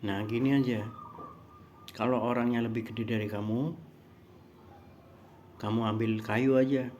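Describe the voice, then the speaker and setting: A man voicing a patient, wise father who gently reassures his young son in a spoken story. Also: mid-range voice, fairly even intonation, measured pace, a little hiss or hum, close to an everyday voice. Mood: reassuring.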